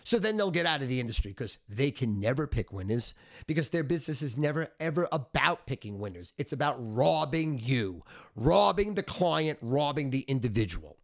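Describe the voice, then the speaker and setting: A middle-aged or older man ranting a sales pitch as a sports betting handicapper, smug, cocky, brash and foul-mouthed, with heavy emphasis. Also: big pitch swings, brisk.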